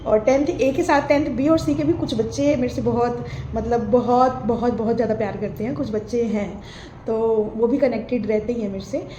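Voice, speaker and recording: Woman teacher, slightly high, mellow voice, emotional farewell in a roomy space. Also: normal speed. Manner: warm, emotional, Hindi mixed with English phrases. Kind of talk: farewell message to students. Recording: echoey room, faint noise.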